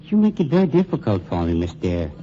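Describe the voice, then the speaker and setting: On a muffled 1940s radio broadcast with faint hiss, an actor voices a suave, menacing funeral home owner, coldly polite and drawn out. His voice sits on the low side, swings hugely in pitch, and moves at a quick pace.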